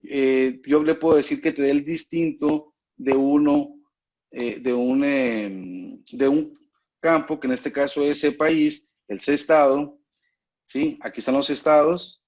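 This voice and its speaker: A man, his voice sitting a little high, leads an online lesson over a video call. He explains patiently and keeps asking whether everyone is following. The sound is muffled and lo-fi, like call audio. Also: steady tone, unhurried, darkish tone. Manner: patient, explanatory, often checks in with students. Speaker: instructor. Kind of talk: online class lecture.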